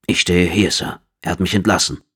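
A man's voice: deep voice, fairly even intonation, a little fast, fairly bright tone, breathy edge. A man voicing a cheerful, cheeky young soldier pilot who answers politely.

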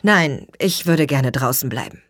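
A reserved adult sister from an audiobook, read by a woman, speaking in a low, husky voice. She keeps everything matter-of-fact and restrained, with no room echo at all. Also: animated, unhurried, clean studio sound, full character voice. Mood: subdued. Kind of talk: audiobook reading.

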